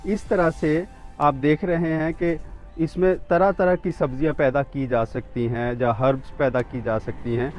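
With faint music playing behind, a man's slightly high, darkish voice keeps a steady tone and measured pace. He's in his fifties, walking the camera around an outdoor rooftop vegetable garden and calmly, plainly identifying each plant, occasionally restarting a phrase.

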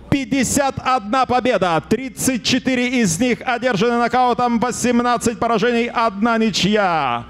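A man working as a boxing ring announcer in a fighting game announcer style, formal and emphatic, stretching out key words over a handheld microphone. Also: sits high. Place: boxing ring in an indoor arena.

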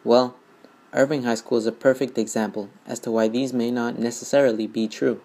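A man narrating a school news report in a measured, formal, scripted way. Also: mid-range voice, steady tone. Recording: voice-over under loud music.

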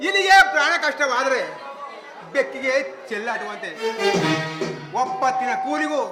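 A man's voice: extremely high pitch, lively intonation, measured pace, a loud crowd. A man playing humble consoling Chandru. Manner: consoling, preachy advice. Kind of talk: declamatory village stage drama. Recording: roomy stage, loud live music.

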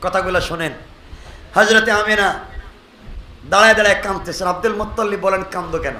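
High, bright-voiced impassioned male preacher. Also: steady tone, brisk, roomy sound. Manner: impassioned, swings between shouting and quiet asides to the crowd. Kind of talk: sermon.

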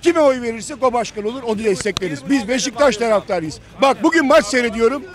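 A hoarse man in his fifties, a football fan insistently lecturing other fans in a heated street interview outdoors. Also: very high voice, lively intonation, quick pace, over music. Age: 50s. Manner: lecturing, insistent, repeats himself.

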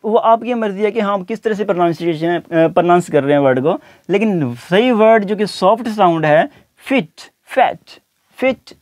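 A man teaching an English lesson, repeating each word slowly and deliberately. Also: high-pitched, no room sound, studio quality. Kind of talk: spoken language lesson.

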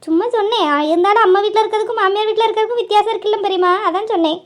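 A woman voicing a gentle young married niece who speaks softly and politely. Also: extremely high pitch, rapid-fire. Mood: reassuring.

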